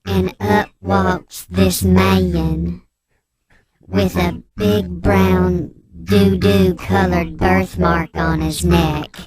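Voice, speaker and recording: A performer playing an anonymous informant on a radio comedy bit, speaking through an electronically disguised voice with a slow, deadpan delivery. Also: medium pitch, over a noisy crowd. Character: anonymous tipster in hiding, deadpan and lurid.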